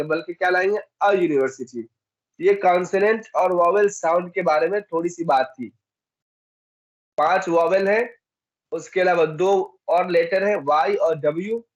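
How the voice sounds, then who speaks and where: A man from India teaching an English lesson, who repeats example words slowly and asks and then answers his own questions. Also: high voice, lo-fi sound. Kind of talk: classroom lesson.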